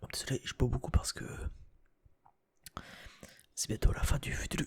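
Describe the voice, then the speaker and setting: A man's voice: moderate pace, warm tone. A young man whispering casual ASMR chat, hesitant and thinking aloud with many restarts and casual swearing.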